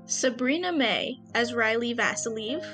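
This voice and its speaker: Faint music plays behind a young woman whose slightly high, fairly bright voice is animated yet a little slow. As co-creator and host of a podcast, she banters casually and playfully, cracking mock-dramatic jokes and thanking listeners.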